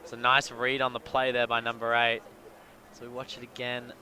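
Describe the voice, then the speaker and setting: A man commentating live on a sports match, calling the plays quickly and getting excited over good catches. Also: medium pitch. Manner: excitable, quick calls of the play. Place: outdoors at a sports field. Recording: crowd noise at an outdoor field. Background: cheering crowd.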